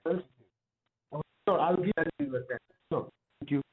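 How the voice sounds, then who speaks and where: A man calling on a phone line that keeps cutting out, polite and halting in his phrasing. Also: on the high side, slightly rough. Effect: choppy phone line cutting out. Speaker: phone scammer caller. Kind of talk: phone call. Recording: tinny, choppy phone line.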